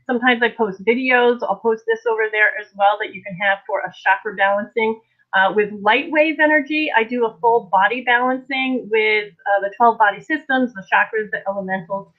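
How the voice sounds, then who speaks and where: Casting: middle-aged woman as energy healer on a live stream, higher-pitched voice, loose scattered delivery, thin phone-quality sound. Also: a little fast. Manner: rambling, scattered, informal. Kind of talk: casual live-stream guided energy healing session. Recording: tinny, narrow phone-like audio.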